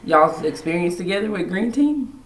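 A woman's voice: on the low side, animated, normal speed. A woman hosting a casual school podcast interview, upbeat and chatty. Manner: upbeat, chatty Southern phrasing. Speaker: podcast host, school administrative assistant. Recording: echoey room.

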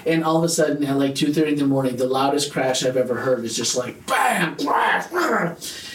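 A man's voice: mid-range voice, fast talker. A man from Wisconsin telling a story in casual chat at a group meeting, acting out what people said. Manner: animated, acts out dialogue. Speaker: church group member. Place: meeting room. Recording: echoey room with faint noise.

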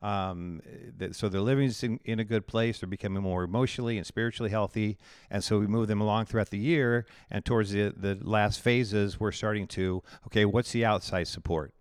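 A pastor from Iowa in his forties talks through his story in a loose, rambling way, often restarting his sentences. His voice sits fairly low and sounds smooth and clear. The recording is close and dry. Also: steady tone, a little fast, few pauses, no echo. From Iowa, USA. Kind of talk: conversational interview.

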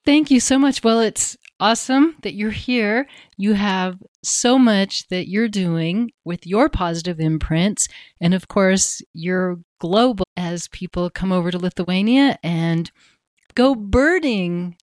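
A woman's voice: medium pitch, slow pace, a little mellow, no echo, studio quality. A woman hosting a podcast, reading scripted intros and interviewing a guest in an upbeat, effusive way. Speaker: podcast host.

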